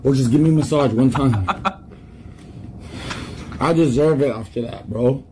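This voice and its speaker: A man's voice: medium pitch, a little slow, mellow. A man in his thirties livestreaming from a bedroom, talking in an insistent, pleading, melodramatic way. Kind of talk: dramatic livestream talk. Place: carpeted bedroom, indoors. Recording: noisy livestream played back.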